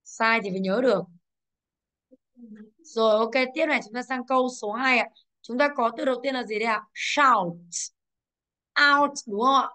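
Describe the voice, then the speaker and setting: Slightly high-voiced woman teaching English. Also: normal speed, long pauses, sharp tone. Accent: Vietnamese-accented English. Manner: explains step by step, checks with "đúng không ạ". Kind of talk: classroom exercise review.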